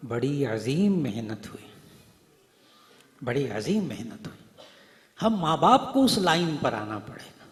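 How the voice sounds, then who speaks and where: Echoing male preacher in a hall. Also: medium pitch. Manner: storytelling, acts out dialogue, swings from soft to loud. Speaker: Islamic preacher and hadith teacher. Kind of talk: Urdu religious speech to a gathering. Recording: echoey hall, voice through speakers.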